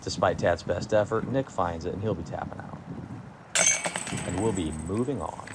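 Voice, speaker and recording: A man giving low-key, measured golf commentary, calling the play shot by shot. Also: heavy background noise.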